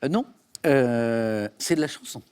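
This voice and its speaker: A man hosting a television quiz show from a studio, reading out questions briskly and chatting with contestants. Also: medium pitch, a little mellow. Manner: brisk, reads questions crisply.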